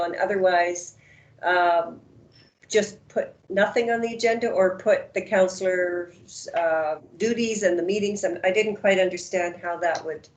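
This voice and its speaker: A woman speaking as the chief administrative officer in a council meeting, measured, formal and procedural. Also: medium pitch, darkish tone.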